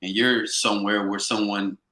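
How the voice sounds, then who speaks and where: A man's voice: fairly low pitch, flat delivery, normal speed, pushed and bright, reverberant. A man talking as a podcast guest, reflective and thinking aloud with small stammers. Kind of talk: casual podcast chat.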